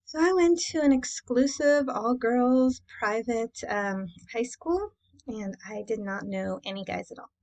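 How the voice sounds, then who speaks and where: On a rough recording, a woman with a slightly high, darkish voice speaks a little slowly. The dating coach and class host gives a casual presentation to camera, talking informally and checking in often, with plenty of rhetorical questions.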